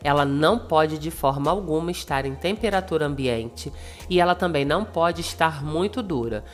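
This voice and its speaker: A Brazilian woman with a slightly low voice that sounds thin, reedy and cracked from flu. She guides viewers through a recipe in polite, scripted steps. Music plays faintly behind her narration. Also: moderate pace. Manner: polite, instructional address to viewers. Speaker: cooking channel host.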